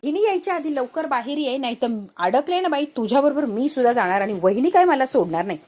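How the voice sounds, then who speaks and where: A jittery middle-aged aunt, loud and insistent, coaxing someone to stay put, as a woman narrator plays her. The voice runs high and forceful. It is a dramatized serial recap. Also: lively intonation, fast. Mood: anxious. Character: anxious aunt, loud and pleading.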